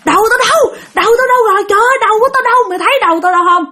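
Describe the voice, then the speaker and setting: A woman's voice: extremely high pitch, racing, sharp tone, voice pushed up. A woman voicing a terrified young man who cries and shrieks frantically. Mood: wailing panic. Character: terrified young man wailing for his lost head.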